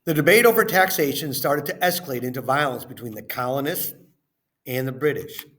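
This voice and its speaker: Reading a lesson and worksheet questions aloud like a teacher, this man speaks deliberately and instructionally. He stresses the start of each phrase and lets the ends trail off. His voice sits in the mid-range with a fairly bright tone.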